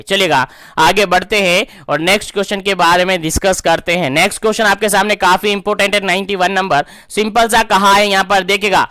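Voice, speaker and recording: A man's voice: high-pitched, pushed and bright, clear, resonant tone, dry recording, studio quality. A young man teaching an online nursing exam-prep class, emphatic, repeating key answers back as quiz questions.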